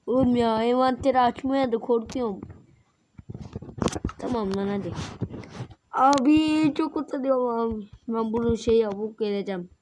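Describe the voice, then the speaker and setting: Gaming host, woman, a little sick with a rough voice, mellow tone, chatty and self-conscious. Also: fairly high pitch, moderate pace, pauses often, slight background noise. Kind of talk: casual game commentary.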